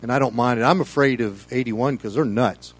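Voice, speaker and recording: A middle-aged or older American pastor leads a Bible study with an informal sermon. His medium-pitched voice is brisk, and he rambles in a folksy, conversational style, saying "you know" again and again.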